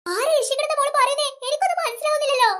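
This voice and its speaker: A gentle schoolteacher with a high, bright voice, played by a woman. She speaks softly and patiently, trying to calm a child in a comedy skit. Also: racing. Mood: soothing. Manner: soothing, patient. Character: gentle adult woman teacher.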